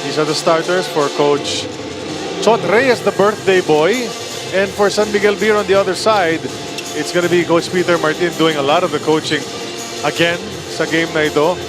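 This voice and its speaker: A man's voice: fairly high pitch, moderate pace, loud music behind the voice. A man with a Filipino accent calling a live basketball game as play-by-play commentator.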